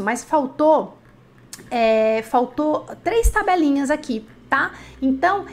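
A woman teaching a live online lesson, chatty, asking the class questions and repeating words slowly. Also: high-pitched. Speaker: French teacher.

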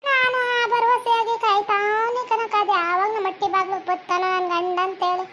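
A lonely village wife, played by a woman in a comedy skit, lamenting in a very high voice. She has a North Karnataka Kannada accent, with faint background noise. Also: flat delivery, normal speed, sharp tone. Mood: mournful. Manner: mournful, lamenting. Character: lonely village wife pining for her husband.

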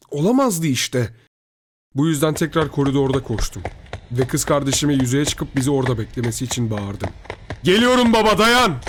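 A man reading a first-person horror story aloud in a hushed, grave manner. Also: mid-range voice, slight background noise. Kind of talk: scripted horror narration.

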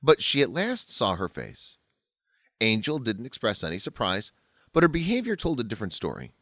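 A man narrates a scripted story with a lowish voice that rises and falls a lot. The recording is close and dry, with no room sound. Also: huge pitch swings, normal speed, a bit bright, no room sound.

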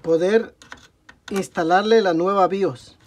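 Sitting high in pitch, this man's voice stays fairly even and moves slowly. A Mexican tech tutorial host with a Mexican Spanish accent, he talks through each step of a repair at an indoor desk workbench, often saying "ok, amigos" and correcting himself.

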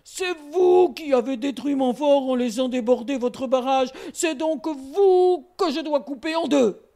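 A woman's voice: sits high, a little slow, mellow. A woman voicing a proud, hot-tempered male bear warrior from a storybook, blustering and threatening as she reads aloud. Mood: angry.

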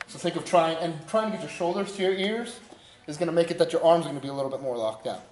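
A man's voice: a little high, fast talker, a little mellow, roomy sound, rough recording. A man coaching a lift in a gym, walking through the steps with short cues. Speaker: strength coach. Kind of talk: instructional demonstration.

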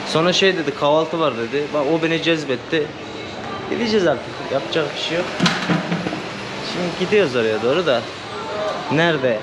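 Young male vlogger with an Adana accent, high-pitched and chatty, wry roadside commentary. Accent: Adana Turkish. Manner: chatty, wry, slangy, swings to glum mutters. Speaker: hitchhiking vlogger. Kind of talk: casual vlog monologue. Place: outdoors by a busy road, later a hotel room. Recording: loud traffic noise outdoors.

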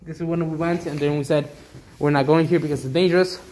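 A young vlogger with a slightly high voice and steady tone talks fast as he walks a large abandoned factory, filming on a handheld camera. He chats casually and explains what he sees. The recording is rough, with a crowd audible in the background.

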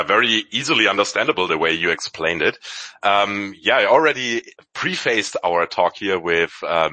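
A man hosting a casual online audio chat, relaxed and friendly, talking with some fillers. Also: deep voice, dry recording. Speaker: host.

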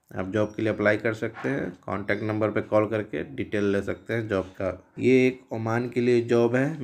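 A man hosting a job listings channel, reading out job advertisements in a steady, list-like way, trade after trade and figure after figure. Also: on the low side.

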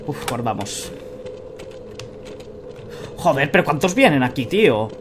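A man's voice: mid-range voice, sing-song, unhurried. A man in his thirties with a Spain accent comments casually as he plays. His mid-range voice is colloquial and muttered, with noticeable game noise behind it. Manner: colloquial, muttering to himself and viewers. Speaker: let's play host. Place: indoor room at a computer, webcam view. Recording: noisy game sound behind voice.

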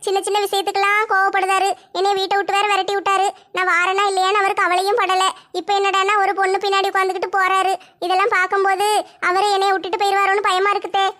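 A woman's voice: extremely high pitch, completely flat delivery, quick pace, bright, forceful tone. A woman voicing an anxious, heartbroken young village wife, complaining plaintively.

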